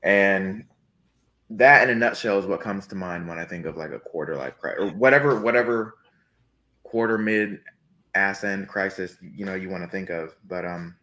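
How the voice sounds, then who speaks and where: A man's voice: deep voice, normal speed, bright, forceful tone. A man in his twenties, a guest on a casual podcast, rambling and joking in a self-deprecating way. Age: 20s.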